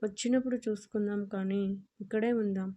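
A woman's voice: mid-range voice, steady tone, fairly quick, warm tone, natural voice. A woman voicing an anxious young female student in an audio story, her speech pleading and nervous. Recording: dull lo-fi audio.

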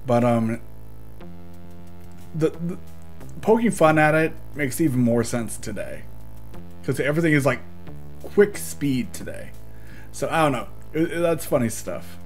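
Guy doing casual gameplay commentary, laughs a lot, normal pitch, faint music in the back. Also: sing-song, unhurried, pauses often. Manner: chatty, talks to himself, laughs often. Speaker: let's play gamer.

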